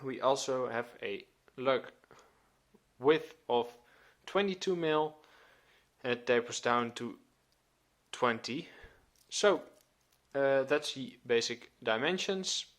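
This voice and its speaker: Young guy in his 20s doing a watch review, talks slow, lots of uh and um, mid pitch. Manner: relaxed, hesitant with many fillers. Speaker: watch reviewer, channel host. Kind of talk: casual video review.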